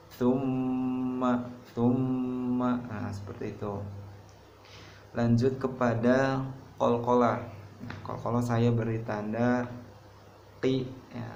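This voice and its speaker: Slow gravelly man teaching Quran reading. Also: mid-range voice, darkish tone. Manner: patient, explains step by step, says "nah" often. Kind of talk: casual tajwid lesson with recited examples. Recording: roomy, dull lo-fi recording with faint noise.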